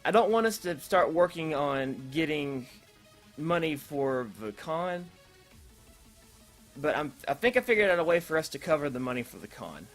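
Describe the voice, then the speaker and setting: With a dance remix thumping in the background, a man delivers loose, off-the-cuff announcements for an online creative group's video. He sounds a little high and lively, keeps a moderate pace, and tends to hesitate, ramble and restate himself.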